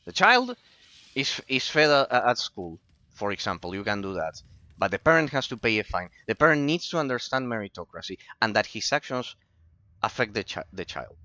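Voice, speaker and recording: A man's voice: fairly low pitch, very animated, brisk, bright, forceful tone, no echo, lo-fi sound. A man from Argentina, streaming a game while answering chat and rambling about philosophy, often repeating himself. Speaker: gaming streamer. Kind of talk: casual commentary while gaming, replying to chat.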